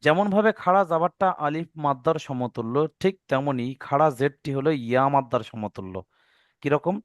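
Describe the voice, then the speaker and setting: Male reading teacher, online class; patient, spells everything out, stretches recited words. Smooth, clear voice, dry sound. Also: on the high side, no echo. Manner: patient, spells out letters and vowel marks step by step; draws out recited words slowly.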